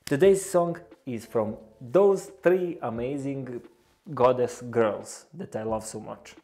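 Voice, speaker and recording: Slow and darkish in tone, this mid-range male voice belongs to a young reaction channel host with a Bosnian accent. He talks hesitantly, full of fillers and restarts, in a small room lit by a lamp.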